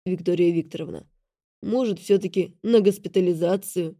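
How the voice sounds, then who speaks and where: A courteous old doctor, grey-haired and unhurried, as a woman reads him, giving soft-spoken, formal advice. The voice is mellow and warm, set in a dry, close recording. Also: fairly low pitch, no echo. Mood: calm, courteous. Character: elderly grey-haired male doctor, calm and polite.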